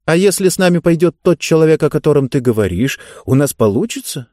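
A man's voice: a little high, lively intonation, dark tone, no echo, clean studio sound, pitched above the performer's own voice, lightly acted. A man voicing a curious young girl traveller. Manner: quick, eager questions.

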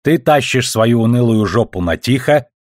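A man's voice: mid-range voice, lively intonation, normal speed, dry recording, clean studio sound, voice pushed up, natural voice. A man voicing a blunt, foul-mouthed elderly grandmother who speaks curtly and sharply in an audiobook. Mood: gruff. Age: older. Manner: curt and sharp-tongued.

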